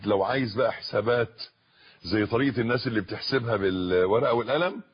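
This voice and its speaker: A man with an Egyptian accent delivers a sermon in a low, husky voice, repeating phrases and climbing to loud, emphatic peaks of passion. The recording is dull and lo-fi, with a rough, breathy edge to every word. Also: fast. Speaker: preacher. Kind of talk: Islamic sermon in colloquial Arabic.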